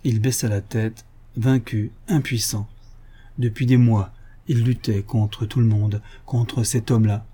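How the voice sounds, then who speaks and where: Guy reading an old detective novel, measured and literary, husky low-toned voice. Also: steady tone, warm tone. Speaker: audiobook narrator. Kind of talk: scripted audiobook narration.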